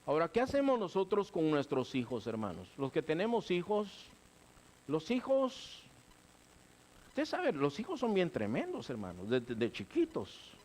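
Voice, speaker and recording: A middle-aged male pastor, preaching a sermon with lively, conversational asides. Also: a little high, normal speed, slight background noise. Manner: animated preaching, keeps saying "hermano", acts out quoted voices.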